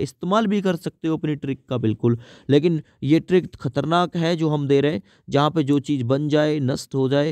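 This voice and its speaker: Man teaching exam grammar, slightly high voice. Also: darkish tone, no room sound. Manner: repetitive questioning, answers his own questions; reads example sentences slowly. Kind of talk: exam-prep grammar lesson.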